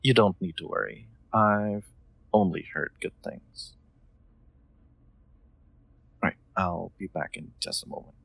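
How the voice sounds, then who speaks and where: In an intimate comfort roleplay, a man voices a kind, soft-spoken master, offering gentle reassurance in formal, slightly hesitant phrasing. His voice is low-pitched, creaky and exaggerated, delivered at a normal speed.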